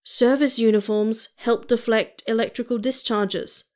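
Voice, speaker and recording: A woman voicing an eager, slow-witted male crewman who is a bit tipsy. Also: on the high side, steady tone, darkish tone, lightly acted.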